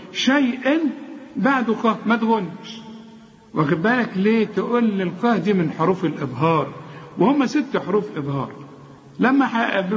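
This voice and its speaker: A man's voice: high voice, big-room sound, muffled recording. An Egyptian man teaching Quran recitation, correcting mistakes and chanting each example. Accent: Egyptian Arabic. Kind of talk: tajweed lesson.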